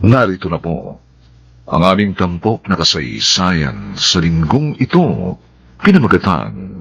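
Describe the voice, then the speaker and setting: A man announcing a radio drama in a formal, scripted style, grand, theatrical and deliberate. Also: deep voice, creaky, fairly bright tone, breathy edge, lo-fi sound. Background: music.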